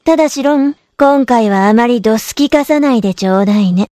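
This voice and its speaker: A woman voicing a brisk, teasing big-sister instructor with a Kansai accent. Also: fairly high pitch, warm tone, dry recording, studio quality, close to an everyday voice. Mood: bossy.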